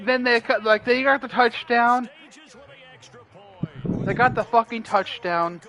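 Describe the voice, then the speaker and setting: A man's voice: extremely high pitch, slow pace, pushed and bright. A young man in casual gaming banter, rambling with lots of fillers, laughing and swearing. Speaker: gaming friend.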